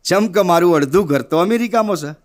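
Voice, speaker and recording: A man voicing a rustic, unbothered village headman who speaks in deadpan verse. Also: high voice, brisk, close to an everyday voice. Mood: calm, wry.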